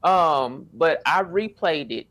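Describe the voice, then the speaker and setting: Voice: medium pitch, lively intonation, slow, a bit bright. Playful guest chatting on a live stream, jokes around, says things twice. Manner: playful, joking, repeats himself. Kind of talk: casual live stream chat.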